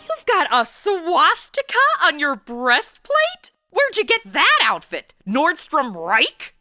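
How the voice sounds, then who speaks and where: High, animated, sassy Wonder Woman played by a woman. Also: slow pace, soft background music, full character voice. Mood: flippant, breezy. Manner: sarcastic, breezy, slangy. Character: flippant, sassy modern young superheroine. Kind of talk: comedy audio drama acting.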